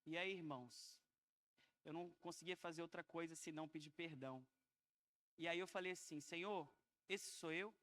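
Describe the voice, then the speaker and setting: A man's voice: on the high side, brisk, long pauses, fairly bright tone. A man with a Brazilian Portuguese accent giving an earnest, emotional sermon testimony to his congregation. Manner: earnest, emotional, addresses listeners as brothers and sisters. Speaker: preacher.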